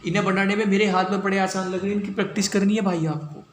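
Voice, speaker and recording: A man's voice: high-pitched, flat delivery. A man teaching a shorthand class step by step, reciting syllables one at a time and calling his students brother. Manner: slow, calls students "bhaiya" and "bhai". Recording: echoey room with faint ambience.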